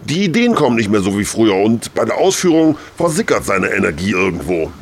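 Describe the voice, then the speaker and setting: A man's voice: on the low side, big pitch swings, brisk, a little hiss or hum. A man doing a weary, scheming heavenly boss. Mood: wheedling. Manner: weary, sighing and wheedling.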